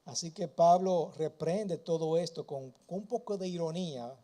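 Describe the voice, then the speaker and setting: Male pastor, mellow high-pitched voice, emphatic sermon delivery. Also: normal speed. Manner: emphatic preaching, rhetorical questions and "¿verdad?" tags; reads scripture aloud with rising force.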